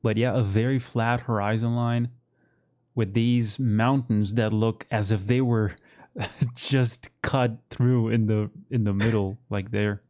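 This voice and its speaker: A man co-hosting a casual chat, relaxed and laughing often, saying bro and dude. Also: fairly low pitch, takes it slowly. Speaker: podcast co-host. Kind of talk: casual chat while browsing a map.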